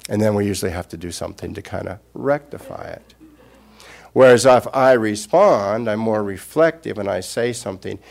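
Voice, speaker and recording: Speaking without a script, an older man who teaches Buddhism delivers a Dharma talk in a gravelly, fairly low voice. He pauses often, keeping his tone gentle and reflective.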